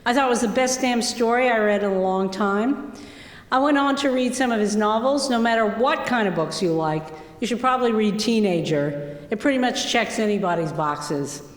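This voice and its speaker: A woman's voice: a little high, expressive, moderate pace. Woman introducing a reader in an echoey hall. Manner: plain, enthusiastic and conversational. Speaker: reading organizer introducing a reader. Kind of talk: spoken introduction at a reading. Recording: echoey hall with long reverb.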